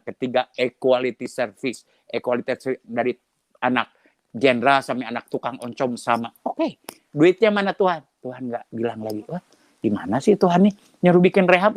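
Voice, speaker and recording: A middle-aged man, a pastor giving a testimony sermon and acting out dialogue as he tells his story. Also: no echo. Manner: lively storytelling, acts out dialogue with shifting pitch.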